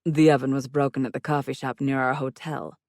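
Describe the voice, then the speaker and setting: A woman voicing a calm young man in an audiobook, giving plain, even-toned explanations. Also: rumbling low, brisk, no room sound, studio quality. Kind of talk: audiobook character voice.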